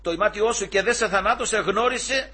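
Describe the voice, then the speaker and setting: A man's voice: high-pitched, sharp tone, breathy edge, pitched above the performer's own voice, exaggerated voice. A preacher voicing humble young King David. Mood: earnest pleading. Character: young male warrior-king, humble and pleading.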